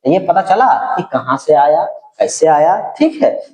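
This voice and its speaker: A man's voice: on the high side, very animated, normal speed, roomy sound, low-quality recording. A middle-aged male teacher giving a chemistry lecture, talking casually and keeping his voice down at night. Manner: casual, keeps checking in with "ठीक है"; speaking softly, holding his voice down. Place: room at night.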